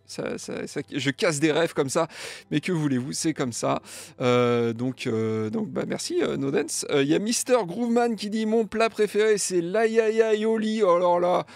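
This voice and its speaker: A man's voice: a little high, vocal fry, no room sound. A young man hosting a music gear news show, chatting casually and jokily reading out viewer comments. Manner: lively, jokey, playfully sings comments.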